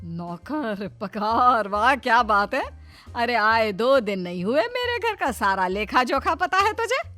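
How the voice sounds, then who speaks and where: A stern middle-aged mother-in-law for an animated family story. She scolds in cutting, sarcastic retorts, her fairly high voice swinging up and down. Faint music sits behind her. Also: a little slow, heavily acted. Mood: scolding.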